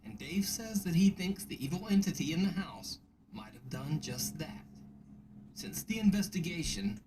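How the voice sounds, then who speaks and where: A man giving scripted narration of creepy stories in a measured, hushed storytelling delivery. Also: a little high, animated, a little hiss or hum, poor audio. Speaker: narrator of a scary video countdown.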